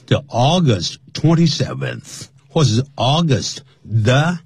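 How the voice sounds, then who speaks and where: A man's voice: mid-range voice, expressive, takes it slowly, gravelly, a little mellow, husky, dry recording. A man co-hosting a radio English lesson, explaining words and usage patiently. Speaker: English teacher, radio co-host. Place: radio studio.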